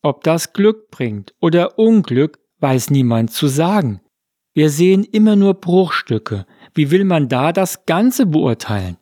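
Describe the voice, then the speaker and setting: A man voicing a wise old farmer in a storybook reading, speaking in a slow, measured and unruffled way. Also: on the high side, sing-song, warm tone, dry recording, clean studio sound. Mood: calm.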